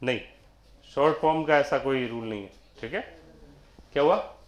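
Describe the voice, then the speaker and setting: A man's voice: medium pitch, normal speed. Echoey male teacher quizzing a class. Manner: quizzing students, answering his own questions. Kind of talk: classroom lecture.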